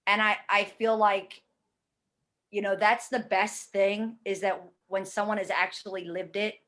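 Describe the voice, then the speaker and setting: In a mid-range, fairly bright voice, a woman in her forties talks openly about being a fitness program client. Her testimonial is emphatic and conversational, with blunt, casual profanity.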